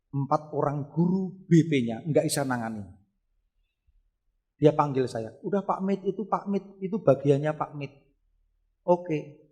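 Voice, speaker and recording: A middle-aged man preaching a sermon at a church service, swinging between loud fervent exclamations and quiet storytelling. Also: medium pitch. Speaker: pastor.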